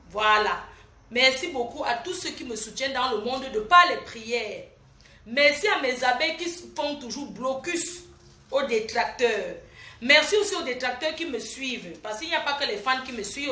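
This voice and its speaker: A woman's voice: high voice, expressive, moderate pace, sharp tone. An older woman, a grandmother streaming live at home, defiantly lecturing her critics in casual talk. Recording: echoey room with faint noise.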